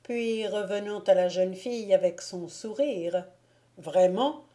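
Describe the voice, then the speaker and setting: A woman narrating a classic novel as an audiobook reader, in a measured storytelling manner. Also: mid-range voice, warm tone.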